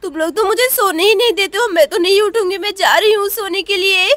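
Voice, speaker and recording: A woman's voice: extremely high pitch, brisk, a bit bright, dry recording. A woman voicing a sleepy, grumpy young woman who whines and complains. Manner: whiny, complaining.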